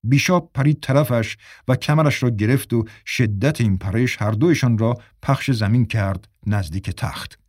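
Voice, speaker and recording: Guy reading a novel aloud, even steady narration, dry recording. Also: medium pitch, few pauses, breathy edge, no echo. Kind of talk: scripted audiobook narration.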